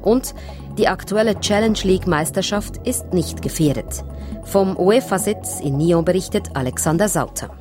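Measured woman presenting radio news. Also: lowish voice, animated, over music. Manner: measured, formal.

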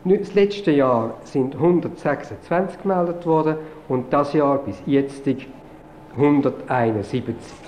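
A man's voice: on the high side, a little slow, darkish tone. Man in a roomy 1950s TV broadcast. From Switzerland. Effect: 1950s TV broadcast archive sound. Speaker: pediatrician. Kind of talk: formal statement on television. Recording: roomy, dull 1950s TV archive audio with faint hiss.

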